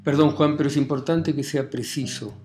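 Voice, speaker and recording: A man's voice: on the high side, fairly even intonation, normal speed, a little mellow, natural voice. A fussy young phone operator, read by a man who stays polite while insisting on procedure. She is patient in a bureaucratic way, and her voice sits close to the reader's own over faint guitar music. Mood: procedural.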